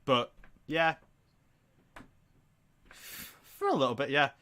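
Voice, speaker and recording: Young guy rambling on a live stream podcast, bright tense voice, talks over his mate. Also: medium pitch, big pitch swings, slow pace. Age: young adult. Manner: rambling, chatty, talks over the other speaker. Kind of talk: casual chat on a live stream.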